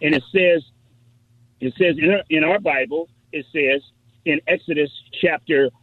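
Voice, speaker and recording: A man's voice: a little high, normal speed, dry recording. A man, a pastor, calling in to a radio show over the telephone line, eager and repeating himself as he cites scripture verses. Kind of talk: phone-in radio call. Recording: narrow tinny phone line, dry.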